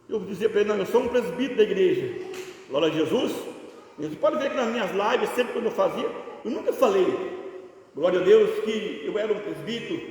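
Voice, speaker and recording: High-voiced preacher in an echoing church. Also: male voice, distant mic. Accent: Brazilian Portuguese. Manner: fervent, peppered with "glória a Deus" and "amém". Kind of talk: Pentecostal sermon. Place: church sanctuary. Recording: echoey church hall.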